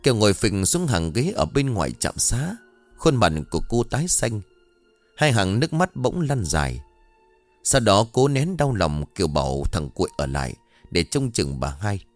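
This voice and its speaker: A man, narrating a story in a dramatic, expressive way. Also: lowish voice, moderate pace, no room sound, soft background music.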